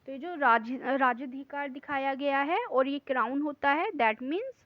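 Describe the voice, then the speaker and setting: Woman teacher explaining english in hindi, slow and careful, bit higher voice, dry dull sound. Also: dry recording. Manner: reads English lines slowly word by word, then explains fast. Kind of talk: online lesson in Hindi mixed with English.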